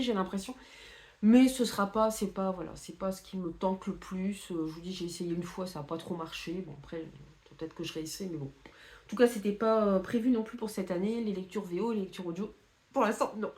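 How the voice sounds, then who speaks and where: A woman's voice: medium pitch, darkish tone. A woman chatting casually to camera about her reading plans, with many fillers and restarts. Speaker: book vlogger.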